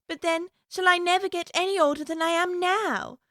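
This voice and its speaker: A woman's voice: very high-pitched, steady tone, normal speed, a bit bright, dry recording, studio quality. A woman playing Alice, a curious young girl chattering away to herself in a prim, wondering way, for a full-cast audiobook. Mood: musing.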